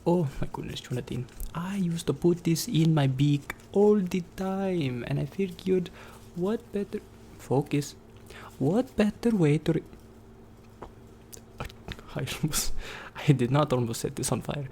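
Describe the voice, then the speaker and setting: A woman voicing an eccentric, boastful, excitable vampire in a theatrical, rambling ASMR ASMR role-play, slipping in and out of a breathy soft voice. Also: deep voice, a little hiss or hum. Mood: entranced, doting. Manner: theatrical, chatty, rambling, drawn-out exclamations. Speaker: ASMR performer.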